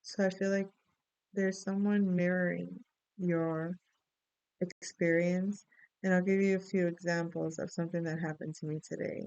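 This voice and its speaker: A middle-aged woman from the Dominican Republic chats her way through a rambling story during a reading. Her voice has a gravelly fry, yet it stays smooth and resonant. The sound is close and dry. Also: lowish voice, flat delivery, normal speed, darkish tone, no room sound, highs cut off. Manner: rambling, chatty storytelling with many asides. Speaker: astrology and tarot reader. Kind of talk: casual spoken reading.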